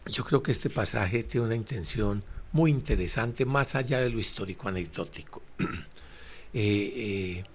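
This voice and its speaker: A man's voice: fairly low pitch, a little hiss or hum. A man talks through a gospel reading in an easy, explanatory way. He leans on fillers and repeats phrases for emphasis, turning often to address his listeners directly. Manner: explains slowly, with frequent fillers and repetitions. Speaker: Bible study presenter. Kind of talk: conversational gospel commentary.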